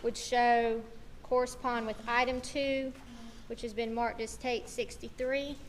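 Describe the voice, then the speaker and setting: A woman, questioning a witness in a courtroom recording, speaking in a steady, methodical way with frequent ums. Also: on the high side, measured pace. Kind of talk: courtroom examination. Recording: courtroom recording with clear room noise.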